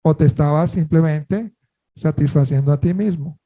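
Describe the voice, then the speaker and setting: A man with a high voice and a mellow, warm tone preaches a sermon. He keeps asking the congregation questions and then answers them himself. He leans on important words by drawing them out slowly. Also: muffled recording. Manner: earnest, stresses key words by slowing down.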